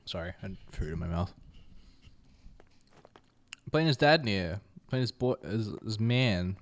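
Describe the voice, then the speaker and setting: A man's voice: fairly low pitch, lively intonation, a little slow. A young man streaming a video game, chatting casually in a rambling, self-deprecating way and swearing now and then. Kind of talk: casual gaming commentary.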